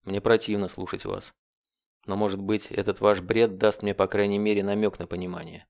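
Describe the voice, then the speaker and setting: A man voicing a cold, restrained male gunman in an audiobook, quiet and measured, in a dull lo-fi recording. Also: lowish voice, flat delivery, creaky.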